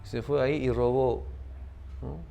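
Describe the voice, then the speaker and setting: Man, spiritual teacher, gravelly voice, keeps asking "¿no?". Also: mid-range voice, little pitch movement, unhurried, mellow, slight background noise. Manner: tag question "¿no?" after many phrases. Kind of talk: devotional talk with a parable.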